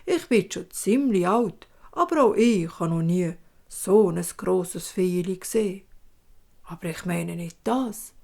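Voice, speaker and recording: Wise old father, played by a Swiss German woman, slow, soft and reassuring. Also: fairly low pitch, lively intonation, creaky, exaggerated voice. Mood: calm. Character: calm older father, gentle and wise.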